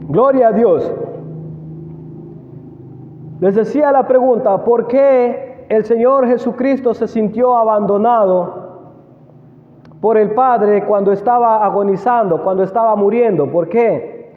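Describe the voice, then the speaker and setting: High-voiced preacher in an echoey hall. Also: male voice. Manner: asks the congregation questions, slow emphatic reading. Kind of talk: sermon. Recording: echoey hall, tinny phone-like sound.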